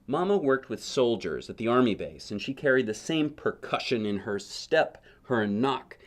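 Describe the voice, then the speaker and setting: Here a man reads a children's picture book in a parental, conversational style, his medium-pitched voice swinging widely in pitch at normal speed. Along the way he drops casual remarks and poses questions to whoever's listening.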